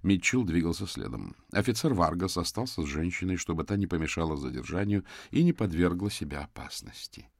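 Deep-voiced man reading an audiobook. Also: animated, fairly quick, creaky, few pauses, no room sound, clean studio sound. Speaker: audiobook narrator. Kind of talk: scripted narration.

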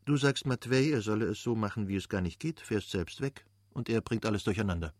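A man reading the lines of a brisk, faintly mocking married woman in an audiobook. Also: lowish voice, a little mellow, no echo, studio quality, natural voice.

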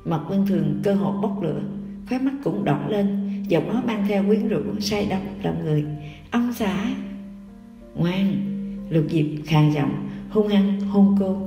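Một người phụ nữ đọc truyện tình cảm, đọc chậm rãi và nhẹ nhàng. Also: female voice, mid-range voice, moderate pace. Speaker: audiobook narrator. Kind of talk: scripted romance narration. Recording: roomy echo, distant mic, music.

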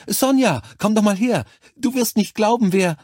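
A man with a husky voice voicing a young female nurse who speaks with cold, falsely cheerful professional politeness. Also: on the high side, animated, moderate pace, darkish tone, dry recording, studio quality, voice pushed up. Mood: gushing. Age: 20s.

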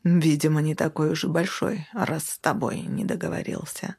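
A woman voicing a calm, sarcastic young man trading barbs in a stuck lift. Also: low voice, normal speed, gravelly, slightly rough, exaggerated voice.

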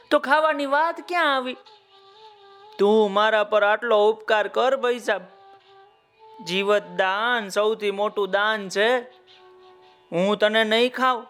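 A man's voice: very high-pitched, a bit bright, smooth, voice pushed up, heavily acted. A man voicing a desperate male crocodile in a children's story, begging a farmer for help in a wheedling tone. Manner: wheedling, begging and swearing promises. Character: desperate pleading male crocodile stranded in dried pond.

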